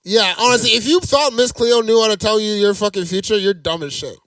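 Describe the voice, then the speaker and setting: Fast, high-voiced young man, blunt and profane. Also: a bit bright, no room sound, far from the mic. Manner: blunt, profane, quick retorts. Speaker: podcast co-host. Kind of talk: casual chat.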